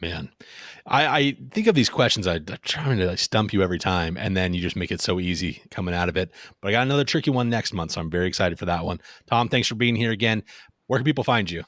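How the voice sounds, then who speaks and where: A man's voice: sits low, lively intonation, quick pace, a bit bright, dry recording, studio quality. A man hosting a podcast in a conversational style. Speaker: podcast host.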